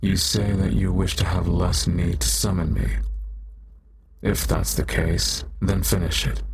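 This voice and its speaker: A man voicing a powerful, possessive and devoted demon in an intimate ASMR roleplay, speaking in deliberate, formal, ardent phrases. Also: sits low, steady tone, noisy background. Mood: possessive, commanding.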